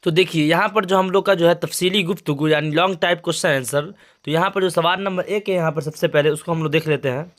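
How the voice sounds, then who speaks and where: A man's voice: on the high side, fairly even intonation, fast, a bit bright. A young man teaching as an Urdu teacher, explaining exam answers and restating each line in simpler words.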